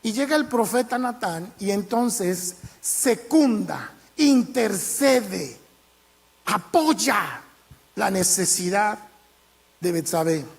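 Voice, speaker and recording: A man preaches in a church, retelling scripture as a lively story. His voice sits high for a man. He slips into the characters' lines with plenty of animation. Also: slow pace, gravelly. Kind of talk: sermon.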